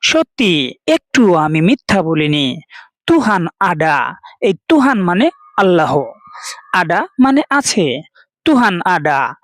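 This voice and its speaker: A Bangladeshi woman teaching language speaks in a fairly low, very animated voice, slowly and with frequent pauses. In this slow explanatory lesson she patiently explains words one at a time, with no echo present.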